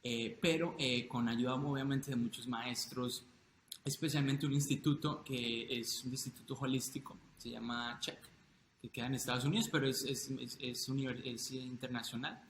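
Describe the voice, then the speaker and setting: A man from Colombia answers interview questions in a loose, halting way, full of fillers and restarts. His voice sits at an ordinary middle pitch. The room echoes, with a clear hiss of noise underneath. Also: fairly even intonation, a bit bright. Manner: hesitant, many fillers and restarts. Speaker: holistic health coach, guest. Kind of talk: casual interview talk.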